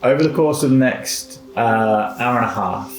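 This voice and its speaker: A man narrating a tabletop game as game master, casually and haltingly, among friends. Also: medium pitch, soft background music. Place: indoor room, in-person group session. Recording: echoey room, clear background noise.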